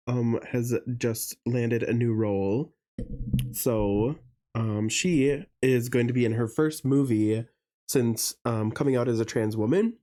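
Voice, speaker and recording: Mellow-voiced man chatting casually. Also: medium pitch. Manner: chatty, gossipy, many fillers. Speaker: podcast co-host. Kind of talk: casual chat.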